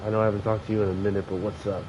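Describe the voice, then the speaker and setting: Racing along in a fairly low voice with little pitch movement, a young man commentates a train sim game, sniffling from allergies. His talk is loose and rambling, peppered with fillers and self-corrections. The recording is dull and lo-fi, and background noise is clearly audible.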